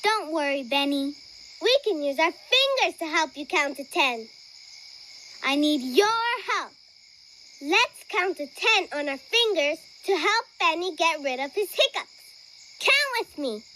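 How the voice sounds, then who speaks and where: A woman's voice: sits high, big pitch swings, measured pace, bright, forceful tone, slight background noise, exaggerated voice, poor audio. An actress voicing a cheerful young girl explorer in a children's cartoon, talking to the viewer and coaxing them to join in. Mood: encouraging.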